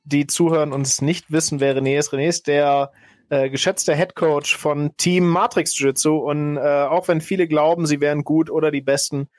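Man, co-host, deadpan, slightly high voice, dry recording. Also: moderate pace, dry recording. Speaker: podcast co-host. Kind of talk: casual chat.

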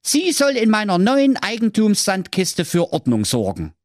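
A man's voice: sits high, wildly swooping pitch, moderate pace, dry recording, clean studio sound, voice pushed up. A man voicing a boastful, bossy young ex-conductor in a comic fairy tale read aloud. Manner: brash and demanding.

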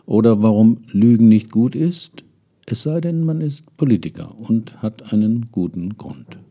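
A man's voice: lowish voice, expressive, unhurried, warm tone, husky. An older man telling a story, musing and speaking straight to his listeners. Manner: musing, addresses listeners directly. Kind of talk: reflective spoken essay and story reading.

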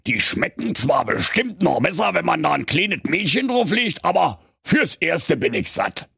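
Man doing a crude gravelly moon. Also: on the high side, sing-song, measured pace, pushed and bright, no room sound, studio quality, voice pushed up, heavily acted. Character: crude gluttonous male moon, big and rude.

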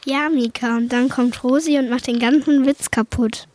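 A woman's voice: high voice, fairly even intonation, normal speed, darkish tone, lightly acted. A girl playing a cheeky, joking triplet in a children's radio play. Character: wisecracking triplet kid.

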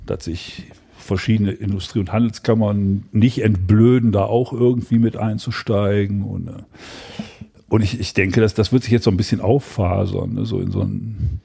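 A man with a very deep, sepulchral voice in a casual interview, hesitating and repeating words as he thinks. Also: steady tone, moderate pace, vocal fry, dark tone, slightly rough. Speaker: tattoo artist, podcast guest.

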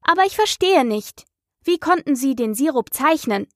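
A woman's voice: sing-song, normal speed, dry recording, studio quality. A woman reading the part of a curious, polite young girl in a storybook, speaking earnestly and turning indignant at times. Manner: high, earnest, sometimes indignant.

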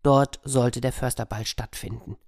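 A man telling a children's story in a lively, playful way, speaking directly to the young listeners. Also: mid-range voice, unhurried, no room sound, studio quality.

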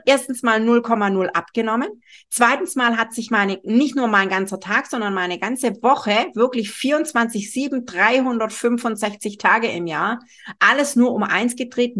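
A woman's voice: fairly high pitch, moderate pace, fairly bright tone. A middle-aged woman hosting a podcast, talking straight to the listener in an emphatic, strict way with a frequent questioning "ja?". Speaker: podcast host, weight-loss coach. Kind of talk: monologue podcast, direct address. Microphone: studio microphone.

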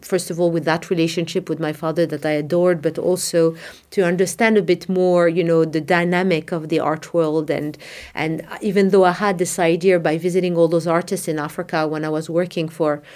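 A middle-aged Moroccan woman, founding director of an art fair, answers interview questions conversationally about her path. Her lowish, darkish voice sounds reflective and thoughtful as she thinks aloud, often pausing on "you know" and restarting sentences.

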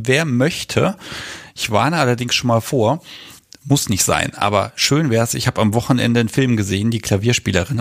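Man, podcast host, lisp with slushy s, gravelly creak, medium pitch, chatty, informal live talk.

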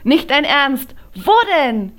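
A woman voicing a cheeky, loud young woman friend who talks sharp and brash. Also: lowish voice, animated, measured pace. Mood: teasing, loud.

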